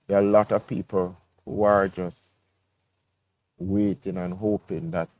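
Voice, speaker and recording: A man's voice: low-pitched, little pitch movement, a little slow, darkish tone, highs cut off. A man co-hosting a morning talk show who chimes in with short, agreeable remarks. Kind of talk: studio talk show discussion.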